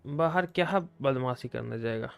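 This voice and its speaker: A man's voice: mid-range voice, moderate pace, creaky, fairly bright tone, a little hiss or hum. A man, a game streamer at home, coaxing his cat in doting baby talk between casual chat. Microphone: desk microphone.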